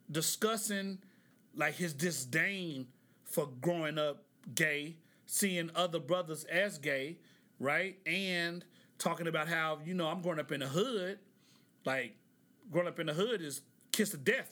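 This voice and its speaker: Podcast host, man from Oklahoma, high and bright voice, loose conversational commentary with "right?" asides. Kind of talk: casual commentary.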